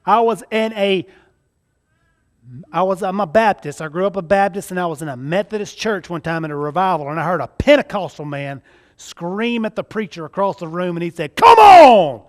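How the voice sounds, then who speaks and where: A man's voice: sits high, brisk. A man with a Southern US accent doing live kids' magic show patter, showy and jokey like a party magician as he coaches a child. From Mississippi, United States. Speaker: stage magician performing with a child volunteer.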